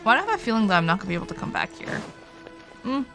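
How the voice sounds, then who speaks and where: A tired woman streaming a game chats in a rambling, informal way, often trailing off mid-thought. She talks very fast in a medium-pitched, sing-song, creaky voice, and game music can be heard behind her.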